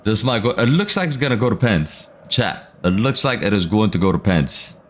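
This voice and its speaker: Male watchalong streamer, low-ish voice, casual slang, reacts to play and reads chat. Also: expressive, moderate pace, fairly bright tone. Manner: casual and slangy, addresses viewers as chat and bro; reads out viewer comments between reactions. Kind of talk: live football watchalong commentary.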